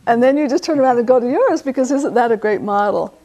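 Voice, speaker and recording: An older woman lecturing on parenting in a relaxed, conversational way. She uses casual fillers and acts out quoted lines of parent-child dialogue. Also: a little high, fast talker. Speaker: parenting speaker.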